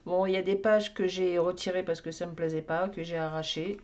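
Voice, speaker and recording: A woman's voice: on the low side, level tone, a little fast, darkish tone, highs cut off, slight background noise. A woman giving a casual show-and-tell of her coloring books, rambling and talking to herself as she searches for things. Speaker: craft vlogger.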